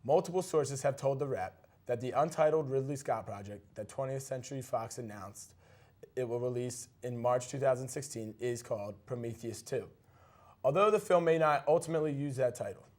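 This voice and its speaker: A man with a medium-pitched, darkish voice co-anchors a news segment at a fairly quick clip. He reads scripted stories, drops in brief casual remarks, and now and then trips over a word.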